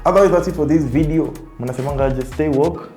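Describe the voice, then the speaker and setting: A man's voice: fairly high pitch, quick pace, mellow, reverberant, soft background music. A man with a Kenyan accent hosting a casual round-table podcast, mixing Swahili into his English. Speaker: podcast host.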